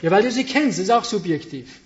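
A woman's voice: medium pitch, animated, fast talker, highs cut off. A woman preaching a sermon, questioning her audience and stressing her points emphatically.

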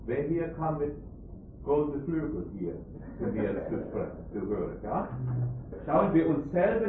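A man preaching a sermon with emphasis, quizzing his listeners with rhetorical questions in halting, ungrammatical phrasing. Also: a little high. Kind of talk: sermon to a congregation. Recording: tinny phone-like lo-fi recording, faint hiss.

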